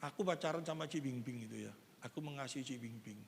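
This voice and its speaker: A man, preaching a sermon as a pastor in a lively, conversational way with everyday examples. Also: medium pitch, quick pace, creaky, slight background noise. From East Java, Indonesia. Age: 60s. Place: church hall. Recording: long reverb of a church hall.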